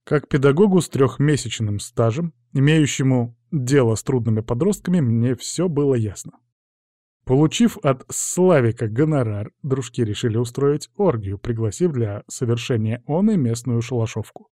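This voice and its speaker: Male audiobook narrator, steady wry storytelling, dark tone, dry sound. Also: medium pitch, normal speed, no room sound.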